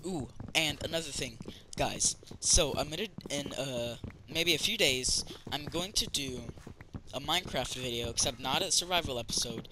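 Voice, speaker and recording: Speaking at a moderate pace with a medium pitch, a gaming channel host gives casual let's-play commentary on a building game. His chatter wanders, packed with fillers and restarts, against a noisy background.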